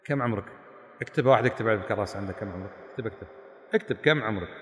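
A man's voice: on the low side, racing. A man giving a religious lesson to a class, quizzing his listeners with emphatic rhetorical questions. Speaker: religious teacher. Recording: echoey hall reverb.

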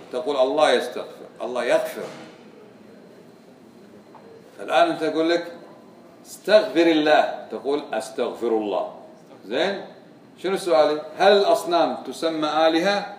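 Man, religious teacher, fairly high voice, quizzes students, echoey room, distant mic. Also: quick pace, darkish tone, slight background noise. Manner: quizzing students with repeated questions. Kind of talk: classroom religious lesson.

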